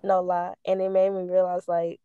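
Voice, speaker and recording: A woman's voice: on the low side, monotone, normal speed, clean tone, dry recording, phone-quality sound. A young woman telling personal stories casually, stoned and rambling, losing her thread, with candid slang and free swearing.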